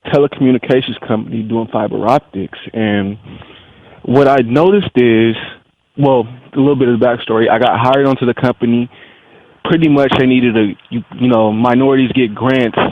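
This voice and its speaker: A man's voice: mid-range voice, steady tone, moderate pace, no room sound. Man on a tinny speakerphone. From US Pacific Northwest. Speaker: caller. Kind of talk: call-in radio talk. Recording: tinny speakerphone line with faint hiss.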